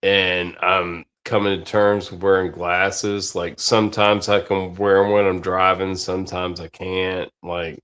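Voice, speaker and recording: A man pushing fifty rambles through a casual podcast chat, swearing freely and tripping over his own restarts. His voice sits fairly low. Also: little pitch movement, unhurried, hardly any pauses, fairly bright tone, clear, resonant tone. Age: 40s. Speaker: podcast host.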